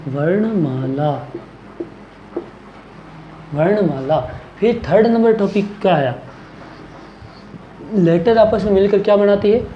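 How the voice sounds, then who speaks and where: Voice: medium pitch, moderate pace, long pauses, roomy sound, lo-fi sound, a little hiss or hum. A teacher giving a grammar lesson in a coaching classroom, who asks a question, answers it and repeats the key words.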